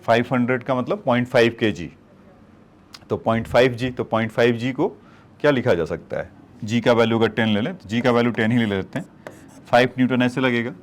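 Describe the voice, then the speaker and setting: A man's voice: mid-range voice, brisk, a little hiss or hum. Man explaining physics problems step by step. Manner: explains step by step, addresses students as children. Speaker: physics teacher. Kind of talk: whiteboard problem-solving lecture.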